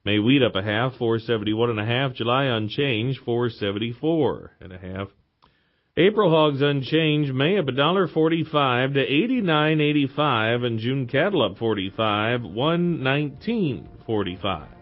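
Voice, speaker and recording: A man's voice: medium pitch, lively intonation, moderate pace, lo-fi sound. A male farm radio host reading stock and commodity prices in a clipped, rhythmic recital of figures. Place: radio broadcast.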